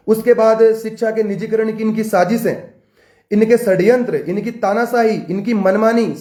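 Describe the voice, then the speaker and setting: A man's voice: high voice, a little mellow, roomy sound. A young man from Uttarakhand, a student leader, giving an impassioned political address to camera with fiery, repetitive rallying rhetoric. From Uttarakhand, India.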